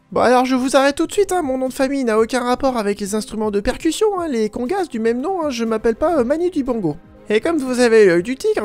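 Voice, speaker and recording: A squeaky, manic TV news anchor. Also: male voice. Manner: rambling, crude, manic. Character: frantic high-pitched male TV news anchor.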